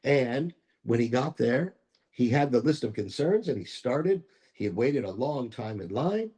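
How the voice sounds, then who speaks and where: A man who is a rabbi, telling a parable in a measured way and slowing down for key lines. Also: mid-range voice, expressive, dark tone. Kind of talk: storytelling teaching.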